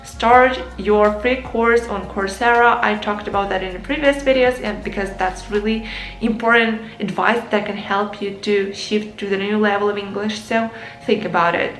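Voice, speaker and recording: A young Ukrainian-native woman gives an earnest English lesson to camera, calling her viewers "guys." Her mid-range voice is steady and a bit bright at a moderate pace, and the echoey room carries faint music.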